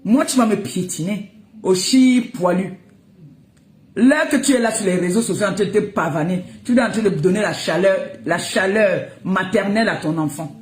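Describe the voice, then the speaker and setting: A woman's voice: medium pitch, moderate pace, darkish tone, reverberant. A woman, ranting and scolding someone on social media, mocking and breaking into laughter. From Cameroon. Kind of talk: heated live rant.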